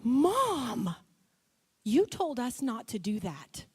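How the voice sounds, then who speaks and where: Brief: earnest eight-year-old girl, quoted by a woman, plain-spoken and gently scolding, high voice in a reverberant hall. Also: big pitch swings, extremely slow, husky, heavily acted. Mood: dismayed.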